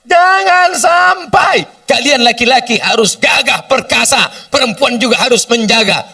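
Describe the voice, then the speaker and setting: High-voiced man preaching from off mic. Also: moderate pace, bright, forceful tone, far from the mic. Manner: humorous, acts out short dialogues. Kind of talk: sermon with question and answer.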